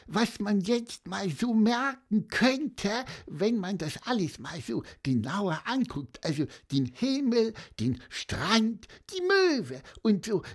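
A man reading a storybook, voicing Pieper, an eager know-it-all who pipes up in a high squeak. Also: full character voice. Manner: high piping, eager, interrupting.

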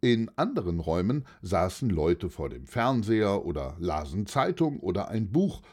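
A narrator reading a children's story aloud in an animated, storytelling way. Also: low-pitched. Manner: slow, animated, husky storytelling.

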